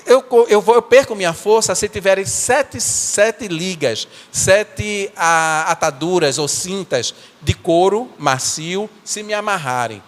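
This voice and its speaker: Man playing a rueful biblical strongman in a church monologue: earnest, stumbling repeats, reverberant sanctuary sound. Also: high-pitched. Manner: earnest, halting storytelling with repeated words. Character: biblical strongman, remorseful, telling his own fall. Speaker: church performer. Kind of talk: first-person dramatic monologue in church. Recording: echoey church hall.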